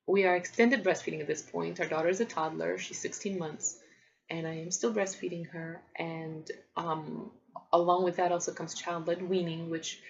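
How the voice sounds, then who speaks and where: A parenting vlogger in her thirties, a native Polish speaker, talks casually to camera in a lowish, gravelly voice. She's thoughtful, often saying um and restarting. The home recording sounds dull and lo-fi.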